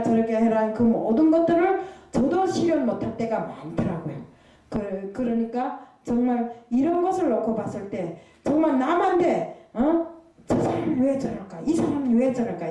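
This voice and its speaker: A woman with a warm voice on the high side preaches a confessional, self-critical sermon, posing rhetorical questions and hesitating often. The room is very echoey, and she's far from the mic.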